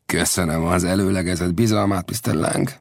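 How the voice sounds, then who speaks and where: A man voicing a calm, self-assured old male frontier scout in an audiobook, with mocking ease. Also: sits low, vocal fry, no echo, clean studio sound. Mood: calm wry. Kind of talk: audiobook character voice.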